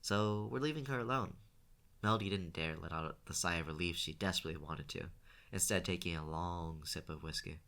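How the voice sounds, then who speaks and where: A man reading a novel aloud as an audiobook, in a steady voice with small restarts. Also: rumbling low, brisk. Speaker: audiobook reader.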